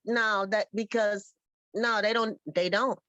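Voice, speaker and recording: A woman's voice: mid-range voice, steady tone, takes it slowly, a bit bright, lo-fi sound. A woman in casual chat, matter-of-fact and a little hesitant.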